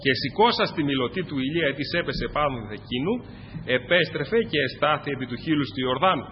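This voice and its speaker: A man's voice: fairly high pitch, expressive, a little hiss or hum. A man preaching a sermon to his congregation, fervent and rising to cries on key phrases. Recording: dull lo-fi recording in a large reverberant hall.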